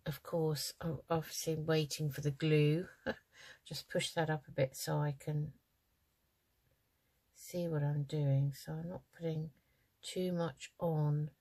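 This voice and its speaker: A woman's voice: deep voice, flat delivery, slow, long pauses, mellow. A middle-aged woman hosting a craft channel, talking casually and hesitantly through her project with many ums, tired and yawning. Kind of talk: casual crafting tutorial chat.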